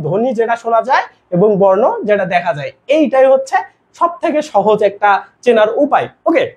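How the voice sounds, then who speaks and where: A teacher gives a live online grammar class in a casual style, mixing in English words and posing questions they answer themselves. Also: mid-range voice. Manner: asks quiz questions and answers them.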